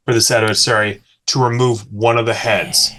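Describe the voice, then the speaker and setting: A man running a tabletop game as game master, narrating combat in quick bursts broken by fillers and restarts. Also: on the low side, fairly even intonation, bright, forceful tone. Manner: fast, halting with many fillers and restarts.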